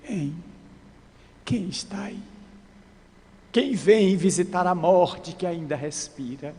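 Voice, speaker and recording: A man's voice: sits high, slow pace, darkish tone, slightly rough, full character voice. A man voicing a feverish, dying leprous woman who pleads urgently, in a long-reverb lecture hall. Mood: faint, frightened.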